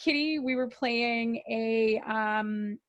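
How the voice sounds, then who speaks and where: A woman from Canada tells a story as a podcast guest, her voice pitched high for a woman. She is animated and swears freely, and she slips into quoted voices as she talks. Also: slow, no echo, highs cut off. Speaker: guest musician. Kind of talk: casual storytelling.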